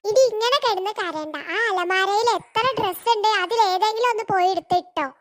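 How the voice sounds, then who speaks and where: Woman voicing an impatient cartoon mom, curt and scolding, very high voice. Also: brisk, fairly bright tone.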